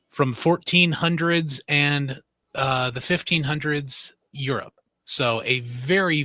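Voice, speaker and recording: Measured male studio radio host. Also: mid-range voice, pushed and bright, no room sound. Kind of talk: live radio hosting.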